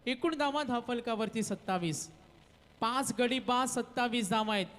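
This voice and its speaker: High-pitched male cricket commentator, echoing. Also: moderate pace, a bit bright. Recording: long reverb, like a PA system.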